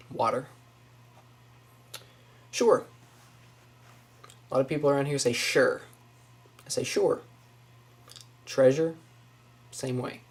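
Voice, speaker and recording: A woman with a Northwest Florida accent who talks casually in a vlog, hesitating often and filling pauses with "um" as she works through a word list. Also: extremely low pitch, darkish tone, breathy edge. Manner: hesitant, many fillers, reads a word list. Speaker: vlogger.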